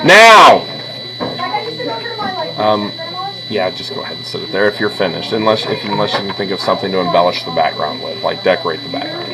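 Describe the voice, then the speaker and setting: This art teacher has a low, expressive voice and talks fairly quickly, though with long pauses, as he demonstrates and coaches his drawing class in an informal, encouraging way. The setting is a busy school classroom, and the low-quality recording catches students chattering behind him.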